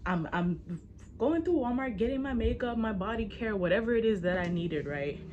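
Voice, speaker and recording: A woman in her twenties telling a casual storytime to her viewers, animated and slangy, speaking straight to the audience. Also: a little high, moderate pace, muffled recording, slight background noise. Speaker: storyteller, vlogger.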